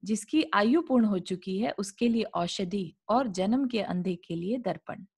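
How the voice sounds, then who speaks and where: A woman's voice: medium pitch, expressive, unhurried, a little mellow, husky. Woman teacher on a video call, reads the old text then breaks it down, keeps asking the class questions. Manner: reads a passage, then explains it in simple words with rhetorical questions. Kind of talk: reading and explaining a religious text.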